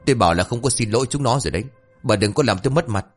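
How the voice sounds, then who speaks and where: A man's voice: medium pitch, lively intonation, rapid-fire, soft background music, natural voice. A man voicing a stubborn, arrogant middle-aged father who dismisses complaints. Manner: dismissive, blustering.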